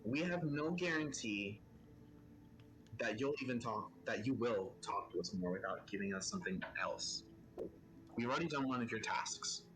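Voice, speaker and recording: A man playing his character in a tabletop game, argumentative and lively. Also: mid-range voice, moderate pace, background noise. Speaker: player.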